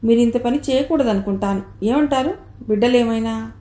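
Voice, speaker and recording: A woman's voice: a little high, normal speed, warm tone, lightly acted. A woman reading aloud voices an earnest, imploring childless young wife in a story. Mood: pleading. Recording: roomy echo.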